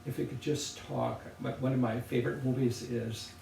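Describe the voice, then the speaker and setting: Older male potter, thoughtful and unhurried; gravelly, captured from across a roomy space. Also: mid-range voice, fairly even intonation, dark tone. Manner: thoughtful, unhurried, with pauses and restarts. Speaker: potter presenting objects. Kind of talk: relaxed reflective conversation. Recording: roomy, distant from the mic, faint noise.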